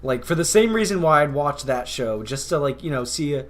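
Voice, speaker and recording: A man's voice: a little high, expressive, a little fast. Chatty man rambling with laughs. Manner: rambling, laughs often, drops to mumbles. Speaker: podcast co-host. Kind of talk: casual comedic chat.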